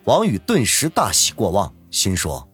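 A male narrator reads a serialized web novel with dramatic flair. His pitch leaps up and down constantly and his voice is husky. Soft music runs beneath him. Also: huge pitch swings, moderate pace. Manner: dramatic storyteller. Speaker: audiobook narrator.

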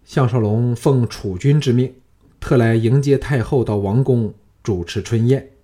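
Storybook young general, calm, persuasive, mellow voice , man reads him. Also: medium pitch, measured pace, close to an everyday voice. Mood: formal. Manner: composed, persuasive.

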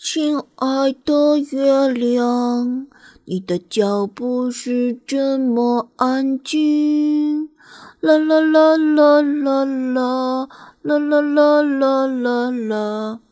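A woman's voice: sits high, takes it slowly, roomy sound, in a large hall. A woman voicing a small, eager young male hedgehog who sounds earnest and hopeful. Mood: dreamy. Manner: earnest, childlike and wistful.

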